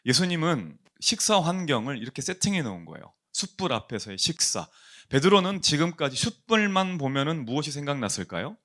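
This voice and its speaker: A man preaching in a church with a lively, animated voice that swings up and down. He asks his listeners questions and answers them himself. When he quotes a question, he drops his voice and slows down. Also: fairly high pitch. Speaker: pastor. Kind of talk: sermon.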